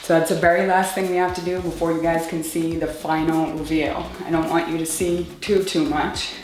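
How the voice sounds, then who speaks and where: A woman's voice: deep voice, level tone, normal speed. A chatty woman talking casually as a vlogger in a home makeover video, indoors in a home office. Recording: roomy echo, background music.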